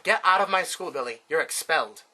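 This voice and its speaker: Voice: mid-range voice, expressive, fairly quick, bright, forceful tone, low-quality recording. A storyteller voicing a curt, foul-mouthed school principal. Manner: curt, profane dismissal. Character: harsh school principal, middle-aged man.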